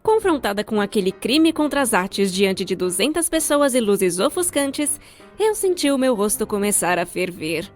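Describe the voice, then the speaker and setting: With faint music in the background, a young Brazilian-accented woman who does fan dubs and storytelling delivers scripted, comedic storytime narration, theatrical and wry. She speaks at normal speed in a mid-range voice that swings widely in pitch.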